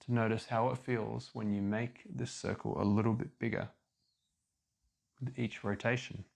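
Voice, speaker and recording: A man leading a guided yoga class as instructor, giving calm, measured step-by-step cues. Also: on the low side, gravelly.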